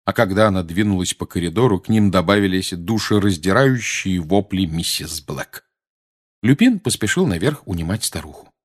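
A man's voice: sits low, expressive, normal speed. A man narrating an audiobook expressively, giving each character a voice. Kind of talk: audiobook reading.

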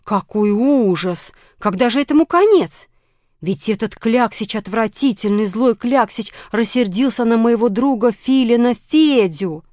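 A woman voicing a flustered, tearful female letter of the alphabet in a children's audiobook, talking loud and high. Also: lively intonation, unhurried, no room sound, clean studio sound. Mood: excited.

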